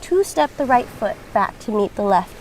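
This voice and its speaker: A woman teaching a guided yoga class, giving encouraging, reassuring, measured cues as the instructor. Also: medium pitch, animated, darkish tone, a little hiss or hum.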